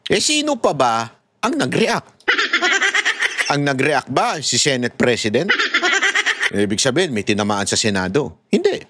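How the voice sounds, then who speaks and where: Male commentary host, high and very lively pitch, mocking, laughs a lot; noisy track. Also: a little slow, long pauses. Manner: laughing often, mocking and animated. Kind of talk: casual political commentary. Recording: loud background noise.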